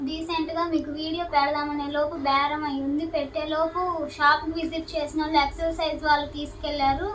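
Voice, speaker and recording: A soft-spoken woman with an Andhra Telugu accent showing clothes for sale in a casual, chatty way. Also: high voice, a little hiss or hum. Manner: soft-spoken, repeats filler words. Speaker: shop owner selling nighties. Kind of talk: casual product showcase. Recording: faint ambience, mic at a distance.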